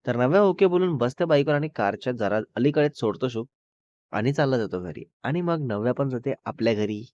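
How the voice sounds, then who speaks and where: A man's voice: medium pitch, lively intonation, brisk, a little mellow, no room sound. A man narrating a serialized romance story in a chatty way, with dramatic asides. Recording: dull, dry recording.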